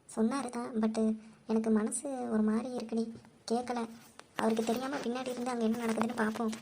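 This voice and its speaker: A woman voicing chatty young village women in a cartoon, with lively gossipy banter. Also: a little high, a little hiss or hum, lightly acted. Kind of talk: cartoon voice acting. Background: background music.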